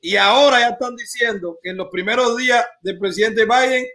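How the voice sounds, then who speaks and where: A man's voice: very high-pitched, brisk, pushed and bright. A man hosting a talk show, asking follow-up questions and summing up his guest's point.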